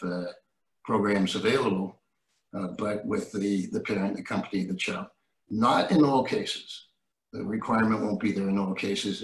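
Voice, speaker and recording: A man in his seventies, explaining plans in a measured way on a panel over a video call from a home study. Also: on the low side. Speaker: ski area owner on a panel. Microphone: laptop webcam, close. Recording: roomy distant laptop mic.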